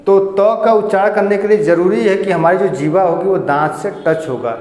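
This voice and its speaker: A man's voice: high voice, moderate pace, darkish tone. A man teaching Hindi grammar to a class, explaining step by step and asking and answering his own questions. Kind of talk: classroom lecture. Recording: echoey room with long reverb.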